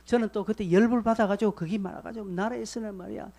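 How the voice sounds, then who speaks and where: A man pastor preaching a sermon, repeating short commands for emphasis and swinging between loud exhortation and quiet, chatty asides. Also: high voice, steady tone, fast, vocal fry.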